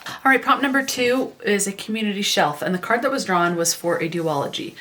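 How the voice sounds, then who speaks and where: A woman's voice: medium pitch, animated, brisk, sharp tone, a little hiss or hum. A woman hosting a casual book vlog, chatting and reading book synopses aloud, with small stumbles and self-corrections. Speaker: book vlogger.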